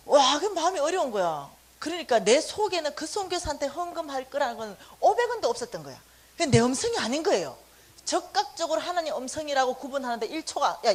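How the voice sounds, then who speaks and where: A woman giving a lively testimony talk to a church congregation, telling her story with animation and acting out prayers and conversations. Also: high voice. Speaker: church lecturer on finances. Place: church hall.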